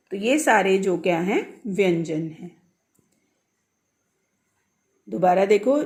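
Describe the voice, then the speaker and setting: A woman's voice: mid-range voice, darkish tone. A woman teaching a Sanskrit grammar lesson, asking the class questions and answering them herself, sounding out letters one by one.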